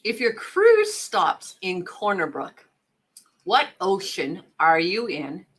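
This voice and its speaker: A woman from Newfoundland co-hosting a live trivia stream, cheerful and quick to laugh. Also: on the low side, huge pitch swings, fairly bright tone, slightly rough. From Newfoundland, Canada. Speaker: co-host.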